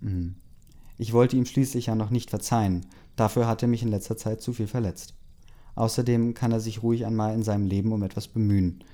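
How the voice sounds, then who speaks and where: Guy reading a fan story and chat stuff out loud, chill, lots of ums, low mellow voice. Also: fast. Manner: relaxed, with fillers and asides.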